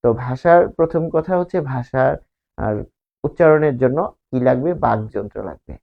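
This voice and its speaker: A man's voice: mid-range voice, lively intonation, normal speed, creaky. A man from Bangladesh, teaching a grammar lesson, explaining slides and asking and answering his own questions. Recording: slightly dull lo-fi recording.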